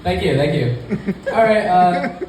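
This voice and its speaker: A young man performs amateur stand-up in front of an audience in a hesitant, rambling way. His voice is fairly high and animated, recorded from a distance in a heavily reverberant, noisy room. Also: unhurried. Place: echoey room in front of a small live audience. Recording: echoey room from far off, clear background noise.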